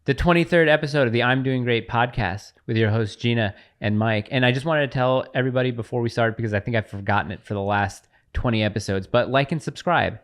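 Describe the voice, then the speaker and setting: A man's voice: medium pitch, quick pace, hardly any pauses. A man co-hosting a casual podcast, opening the show with a loose, joking delivery. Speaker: podcast co-host.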